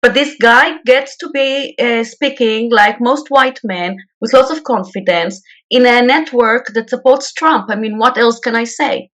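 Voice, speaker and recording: In an interview, an Israeli woman who is a peace activist speaks bluntly and emphatically, repeating her words. Her voice is fairly high and a bit bright, and she keeps a measured pace with few pauses.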